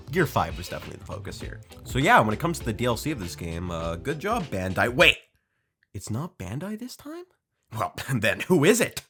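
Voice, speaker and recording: Brief: young male host, casual review, self-deprecating rambler, mid pitch, animated swings. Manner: rambling, self-mocking, many fillers.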